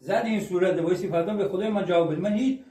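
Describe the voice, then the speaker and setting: A man's voice: high-pitched, dark tone, roomy sound, far from the mic. A man in a heated confrontation, pleading and repeating himself insistently.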